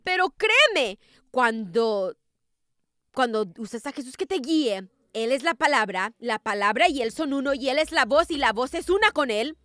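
High, bright-voiced woman preaching. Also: expressive, normal speed, no room sound, studio quality. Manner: keeps checking in with the congregation; emphatic, rising to forceful declarations. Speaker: prophetess preaching. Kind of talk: sermon.

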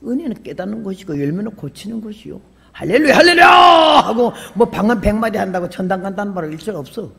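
An older woman missionary giving a sermon, telling folksy stories with humor and bursting into loud emphatic calls. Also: medium pitch, fast, gravelly, few pauses. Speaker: missionary preacher. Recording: long hall reverb.

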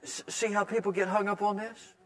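A man's voice: high-pitched, level tone, a little fast, fairly bright tone. A middle-aged male pastor preaching a sermon in a conversational, folksy way, hammering points home with repeated words.

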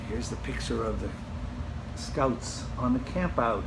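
An older man reads a children's picture book aloud in a gentle, expressive storytelling style, speaking at a medium pitch and measured pace and dropping to a hush for the spooky parts. He is indoors in a room at home, and the home recording carries a steady hiss.

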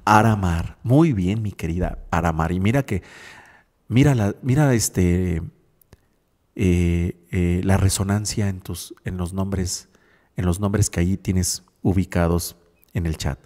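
A man's voice: sits low, takes it slowly, darkish tone, long reverb tail. A male radio host and psychologist, giving reflective spiritual talk and often checking in with his listeners. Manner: reflective, keeps asking "sí?".

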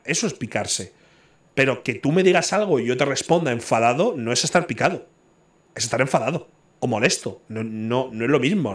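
A man from talks in an ordinary mid-pitched voice. He is blunt and profane, and he circles back to his argument again and again. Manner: blunt, swears freely, argues his point over and over. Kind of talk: casual podcast chat.

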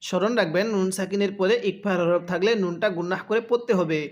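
A high-voiced man from Bangladesh teaches Quran reading step by step, with fairly even intonation. He patiently poses and answers his own questions between slow, drawn-out chanted recitations.

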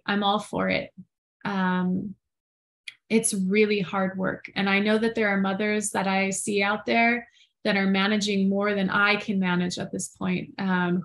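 Earnest woman chatting live from home, kinda flat even voice, lots of ums. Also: medium pitch. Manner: earnest, heartfelt, many fillers, reads viewer comments aloud. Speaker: podcast co-host. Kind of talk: live-streamed casual talk.

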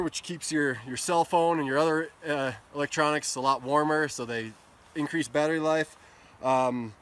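A middle-aged man, a brand ambassador, casually showing off a jacket outdoors on a snowy mountain, talking in a relaxed way with plenty of ums. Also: a little high, slight background noise. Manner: relaxed, hesitant with fillers. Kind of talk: casual product walkthrough.

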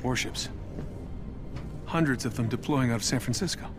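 A man playing a brisk, shrewd middle-aged inventor superhero in a video game, clipped and matter-of-fact. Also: mid-range voice, natural voice. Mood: brisk, focused. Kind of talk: cinematic video game acting. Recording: music under the voice.

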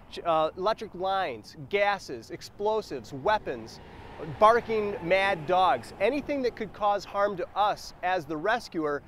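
A man's voice: sits high, a little hiss or hum. An American man in his forties giving an emphatic, step-by-step instructional demonstration as a CPR instructor, speaking outdoors. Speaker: CPR and first aid instructor. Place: outdoors on a roadside sidewalk.

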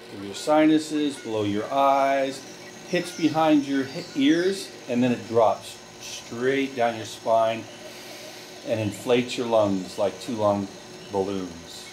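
A man leading a relaxation group through guided breathing, giving slow, calm step-by-step directions. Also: mid-range voice, a little hiss or hum.

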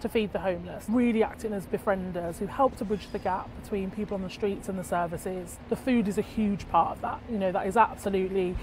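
A woman's voice: medium pitch, a little fast, few pauses, a little mellow, a little hiss or hum, low-quality recording. A woman from a food charity answering interview questions outdoors in a city park, passionate and emphatic. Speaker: charity representative.

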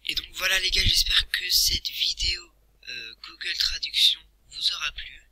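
Husky, half-whispering young guy. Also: a little high, moderate pace, no echo. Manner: hushed, half-whispered, with many fillers and restarts. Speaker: youtuber. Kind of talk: casual vlog intro and outro.

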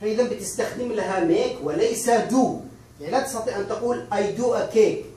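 Echoey male teacher explaining slowly. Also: high voice, warm tone. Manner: explains slowly, repeats examples, slows down on English phrases. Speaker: English teacher. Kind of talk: online language lesson. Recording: very echoey room, far from mic.

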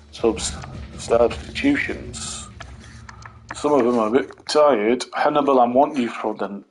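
A man's voice: mid-range voice, a little hiss or hum, rough recording. A man hosting a gaming channel, chatting to viewers in a rambling way while commentating a football video game. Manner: excitable bursts at goals.

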